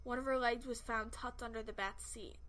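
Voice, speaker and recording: A woman's voice: a little high, fairly even intonation, fairly quick, a bit bright. A woman reading a scripted first-person horror story as its narrator.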